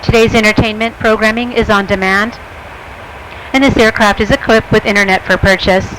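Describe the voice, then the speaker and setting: A woman's voice: medium pitch, steady tone, fairly quick, a bit bright, low-quality recording. A woman speaking as a flight attendant, giving a scripted airline cabin announcement to passengers. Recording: cabin announcement over airplane engine noise.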